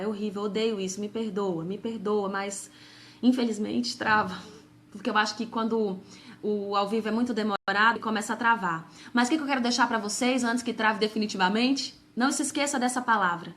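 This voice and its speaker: A woman's voice: medium pitch, fairly even intonation, a little fast, fairly bright tone, a little hiss or hum. A young woman giving a fervent live-streamed testimony and sermon, calling out to viewers by name.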